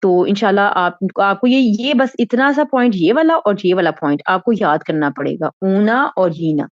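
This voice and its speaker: A patient woman teacher walks through a grammar lesson one step at a time. She keeps checking in with her students as she goes. Her voice sits at an ordinary pitch and is recorded close and dry, with a slightly muffled, lo-fi edge. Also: expressive, dry recording. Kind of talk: Quran grammar lesson in Urdu.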